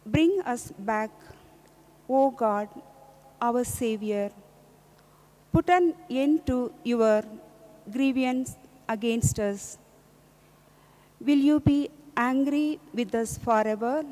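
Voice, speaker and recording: Unhurried woman reading in echoing church. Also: on the high side, dark tone. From India. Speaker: church lector. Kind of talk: solemn scripture reading. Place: large indoor church, at a lectern. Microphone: gooseneck microphone on lectern. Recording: echoey church reverb.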